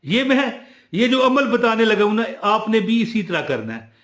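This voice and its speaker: Man, religious storytelling, fairly high voice, echoey room. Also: normal speed. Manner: animated, swings between loud emphasis and quiet asides.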